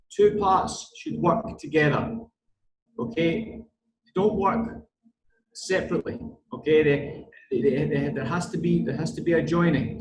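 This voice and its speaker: A man with a thick Scottish accent delivers an online lecture on strength and conditioning, speaking deliberately and repeating words to drive points home. His pitch sits fairly high, and the low-quality recording has a roomy sound.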